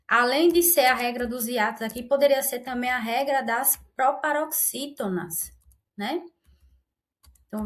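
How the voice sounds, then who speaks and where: A woman teaching an online grammar lesson, explaining patiently and often checking in with her viewers. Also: a little high.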